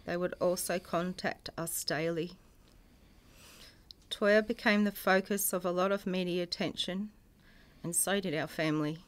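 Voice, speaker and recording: A middle-aged woman, a bereaved mother reading a prepared personal statement in a solemn, measured way, in grief. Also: fairly low pitch, steady tone. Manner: solemn, measured delivery in short phrases. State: grieving.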